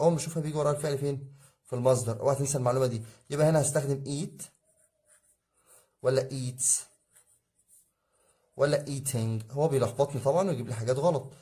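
Speaking in a medium-pitched, dark voice, an Egyptian Arabic-accented English teacher leads an exam review. He drills rules, addresses the class as "guys," and answers the questions he puts to them himself.

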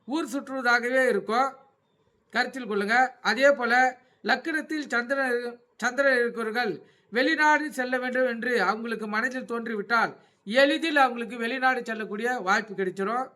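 A man giving an astrology lecture, speaking in measured phrases and often dropping his voice for a repeated reminder to take note. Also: bright, forceful tone. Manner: measured, repeats a low-pitched refrain telling listeners to take note.

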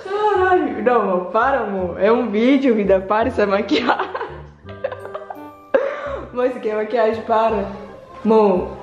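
A woman's voice: a little high, expressive, moderate pace, pauses often, lo-fi sound, faint music behind. A young woman with a Brazilian accent talking casually in a prank vlog, emphatic and repetitive. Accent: Brazilian Portuguese. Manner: emphatic, repeats herself, uses slangy address. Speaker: vlogger girlfriend pulling a prank. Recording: echoey room.

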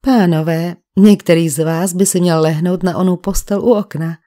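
A woman voicing a falsely friendly male sanatorium doctor who smoothly persuades his patients, in an audiobook. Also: fairly low pitch, steady tone, mellow, lightly acted. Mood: persuasive.

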